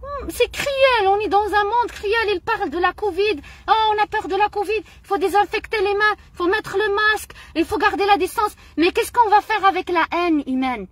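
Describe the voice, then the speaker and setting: Here a middle-aged Moroccan woman, a vlogger, talks directly to her audience at normal speed with few pauses. Her high voice is a bit bright, and her indignant, emotional monologue circles back repeatedly to the same phrases.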